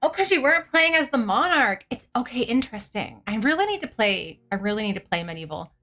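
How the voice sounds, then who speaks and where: A woman's voice: on the high side, very animated, fairly quick, pushed and bright, soft background music. A woman from Canada live streaming, chatting casually with viewers in a cute, bubbly anime-streamer manner. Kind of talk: casual livestream chat with viewers.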